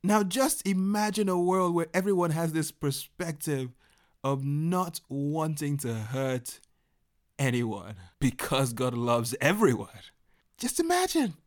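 A man preaching a sermon as a story, animated, laughing often and breaking into shouts. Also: on the high side, slow.

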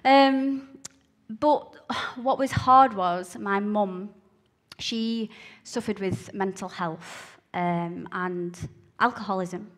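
A woman with a broad Glaswegian Scottish accent, telling a personal story to listeners in an earnest, halting way, repeating phrases for emphasis. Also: mid-range voice. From Glasgow, Scotland. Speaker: speaker giving a testimony. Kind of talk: personal testimony told to listeners.

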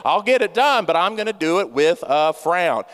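Preaching straight to his flock, this thirtysomething pastor keeps things funny and pokes fun at himself. He has a fairly bright, high voice with big pitch swings and a moderate pace, and the sanctuary adds a long hall reverb.

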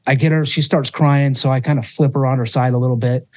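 A man's voice: mid-range voice, steady tone, fast talker, a little mellow, dry recording. A man guest on a podcast telling a personal story with emotion, swearing freely and restarting his sentences often.

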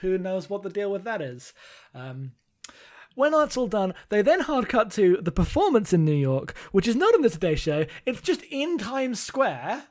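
A man's voice: sits high, sing-song, normal speed, darkish tone. A man co-hosting a podcast, casually recapping an anime movie in a rambling, amused way with lots of fillers. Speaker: podcast co-host.

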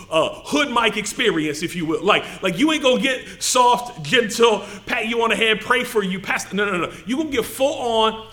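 A middle-aged male pastor preaching an animated sermon, drawing the audience into call-and-response with playful asides. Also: high-pitched. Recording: echoey room.

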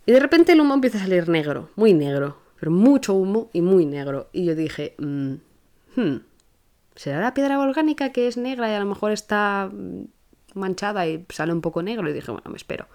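A young woman with a Spain Spanish accent, hosting a podcast and telling a personal story in a casual, animated way, often restarting her sentences. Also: mid-range voice. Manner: animated, rushes and restarts while telling an anecdote. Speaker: podcast host.

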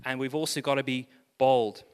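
A man pastor preaching a sermon, animated, with self-deprecating humor and exclamations of praise. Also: mid-range voice, moderate pace, clean tone, big-room sound.

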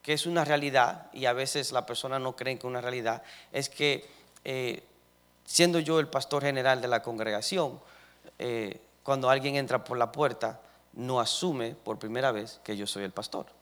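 A man's voice: medium pitch, moderate pace, fairly bright tone. A young man preaching as pastor of his congregation, telling everyday stories with many fillers and building emphasis. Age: young adult. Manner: conversational storytelling, many fillers and rising emphasis. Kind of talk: sermon.

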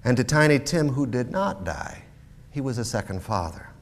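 A man giving an expressive, dramatic reading of a classic story. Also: mid-range voice, moderate pace.

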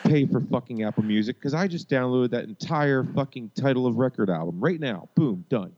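Podcast co-host, male, deep bass voice, dark timbre, halting and sweary casual chat, slightly dull recording. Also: lively intonation. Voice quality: deep, bassy voice. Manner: halting, repeats words, swears freely. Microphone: podcast microphone through a mixer. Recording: dull, muffled home podcast audio.

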